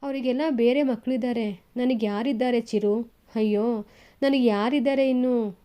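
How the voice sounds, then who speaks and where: A woman's voice: fairly high pitch, fairly even intonation, moderate pace, warm tone, clean tone, lightly acted. A woman voicing a grieving elderly mother who pleads through tears for her son in a novel reading. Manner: lamenting, tearful pleading.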